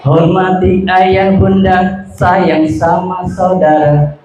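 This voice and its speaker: A man with a high voice tells stories to a crowd of children, taking his time and leading them in playful call-and-response with sudden shouts. He sounds like he is in a very echoey hall, with clear noise behind him. His lilt colors every phrase. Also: level tone, slow. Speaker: children's storyteller. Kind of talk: lively storytelling for children at an event.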